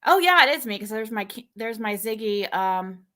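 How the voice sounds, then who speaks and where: In this casual livestream commentary, the young female host chats about an old clip, wandering off track and correcting herself as she goes. She sounds animated, with a mid-range voice, a fairly bright tone and normal speed.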